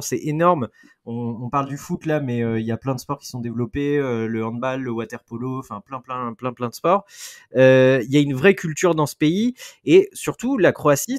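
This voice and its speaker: A man in his thirties with a French accent, presenting a lively, joking football chronicle on a podcast and backing it with figures. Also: mid-range voice. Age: 30s. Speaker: football columnist.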